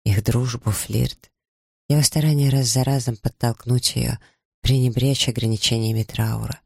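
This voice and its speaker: A man giving measured, dramatic audiobook narration. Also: mid-range voice, fairly even intonation, gravelly, a little mellow, breathy edge, no echo, clean studio sound. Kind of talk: scripted narration.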